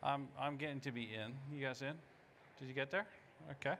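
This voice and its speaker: In an informal live product demo on a large indoor conference hall stage, a man in his fifties speaks to the audience in short phrases. His voice is medium-pitched and fairly bright, fairly quick, with fairly even intonation, and there's slight background noise.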